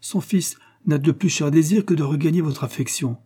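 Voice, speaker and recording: Man doing an old priest, firm, commanding, mellow husky voice. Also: fairly high pitch, moderate pace, voice pushed up.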